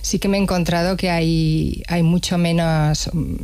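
A woman's voice: fairly low pitch, steady tone, unhurried, a little mellow, clean tone, no echo. A woman jazz musician speaks as a radio guest, with a dry, close sound. She talks reflectively and stammers on a word now and then. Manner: reflective, stammers on some words. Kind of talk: radio interview.

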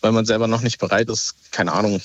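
A man's voice: on the low side, fairly even intonation, fast talker, a little hiss or hum. A man from Berlin in his thirties, calling in to a radio show and explaining himself hesitantly, full of fillers and restarts. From Berlin, Germany. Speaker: caller. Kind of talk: casual phone-in chat. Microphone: telephone. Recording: dull lo-fi phone line.

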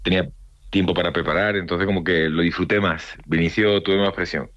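An actor from Andalusia, Spain, guesting in a casual interview, speaks in a very low voice with an accent mixing Andalusian, Madrid Castilian and Mexican Spanish. He talks fairly quickly and tells stories with animated energy, acting out quoted dialogue. The recording is close, dry and dull.

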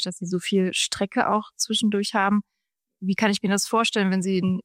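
A woman hosting a radio interview, asking clear and curious questions. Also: mid-range voice, dry recording, clean studio sound.

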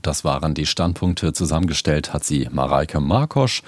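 Super deep husky news guy, formal overnight radio announcing. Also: expressive, normal speed, no echo. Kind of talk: news presenting.

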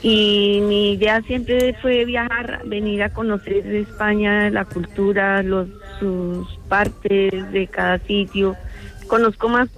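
A woman's voice: mid-range voice, level tone, slow pace, faint music behind, low-quality recording. Talkative woman calling in. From Colombia. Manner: warm, talkative storytelling. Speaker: radio caller.

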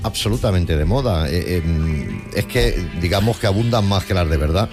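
A radio host, his voice sitting low and easy. He teases his co-hosts in a loose, jokey way. Music plays under the studio talk. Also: lively intonation, normal speed. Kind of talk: lively radio banter.

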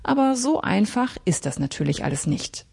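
A woman literary critic delivering a scripted radio book review in a measured, articulate way. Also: medium pitch, sing-song, vocal fry, a little mellow, slightly rough.

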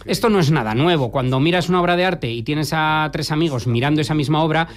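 A man interpreting the guest's answers in a steady, measured voice-over. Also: on the high side.

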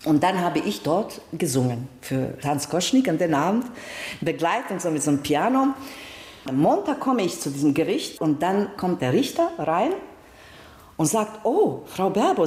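A middle-aged Serbian woman, a singer, actress and author from former Yugoslavia, appears as an interview guest and tells personal stories expressively. She is a native Serbo-Croatian speaker with a Balkan accent in German, and her medium-pitched, darkish voice is very animated at a moderate pace. The room sounds spacious and echoing.

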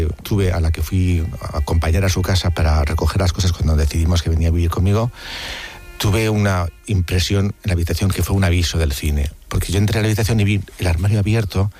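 Brisk and low with a darkish tone, a man reminisces on the radio as a film contributor, trading conversational anecdotes about cinema in a reflective, confiding manner. Music plays in the background.

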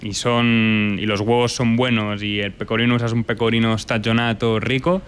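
A man's voice: on the low side, flat delivery, normal speed, a little hiss or hum. A young Spanish man, a chef and restaurant owner, answering interview questions thoughtfully with many fillers and restarts. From Spain.

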